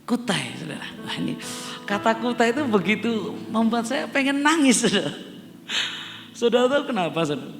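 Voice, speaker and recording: Gravelly pastor preaching in a reverberant church. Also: male voice, very high voice, big pitch swings, brisk, soft background music. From Java, Indonesia. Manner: addresses the congregation as "Saudara" again and again, climbing to emphatic peaks. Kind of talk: sermon. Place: church hall. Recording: long church reverb, faint instrument behind.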